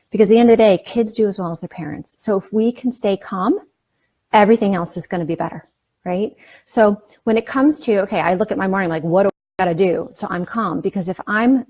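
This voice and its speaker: A middle-aged woman with a lowish voice and a darkish tone coaches parents in a casual, conversational talk. She often checks in with "right?" and "you know".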